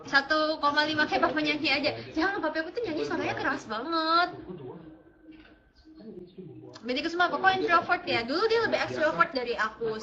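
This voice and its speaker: A young woman with a Jakarta Indonesian accent and a slurred r, chatting playfully as she answers viewers on a casual livestream. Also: sits high. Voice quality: slurred r (cadel). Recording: slightly dull lo-fi stream audio.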